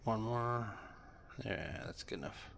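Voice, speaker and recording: A man with a cold talks through his gameplay in a relaxed, thinking-aloud way, his voice stuffed up, low and gravelly. A steady hiss of noise sits under the recording. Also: slow pace. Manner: musing, thinking aloud while flying. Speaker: gameplay commentator. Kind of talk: casual gameplay commentary.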